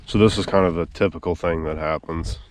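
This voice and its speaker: Low-voiced man vlogging outdoors. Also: fairly even intonation, brisk. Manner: easygoing, chatty, explains as he goes. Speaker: hunting vlogger. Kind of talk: casual outdoor vlog narration. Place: outdoors in a rural field. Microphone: action camera.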